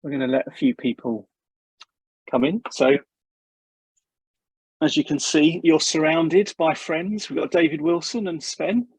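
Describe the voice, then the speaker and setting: A man's voice: on the high side, a little slow, pauses often, darkish tone, husky, no echo, low-quality recording. A man hosting a webinar, chatty and welcoming, joking lightly with his guests over a video call. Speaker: webinar host. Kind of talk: casual webinar welcome chat.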